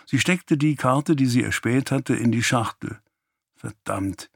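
A man narrating an audiobook in a calm, even storytelling manner. His voice sits at a middle pitch, recorded close and completely dry. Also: unhurried, vocal fry, no echo. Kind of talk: scripted narration.

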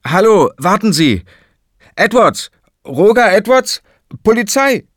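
A man reading the part of a persistent male police detective who fires off brisk, pressing questions. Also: lowish voice, expressive, dry recording, studio quality. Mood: shouting.

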